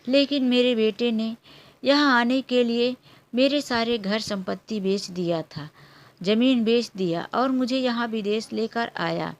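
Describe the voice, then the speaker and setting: A woman doing a humble, caring housemaid. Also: a little high. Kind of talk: storybook character voice.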